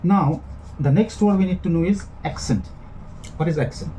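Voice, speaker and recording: A male lecturer with an Indian English accent talks through a recorded lesson in a somewhat high but mellow voice. He explains patiently, repeats and rephrases his points, and fills his pauses with "uh". A faint hiss sits under the recording. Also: low-quality recording.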